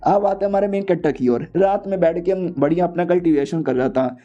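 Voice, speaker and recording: A man telling a comic's story in a loose, slangy, joking way. His voice sits fairly high for a man yet sounds very dark and mellow. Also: brisk, dull audio. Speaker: comic recap narrator. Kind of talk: casual storytelling recap.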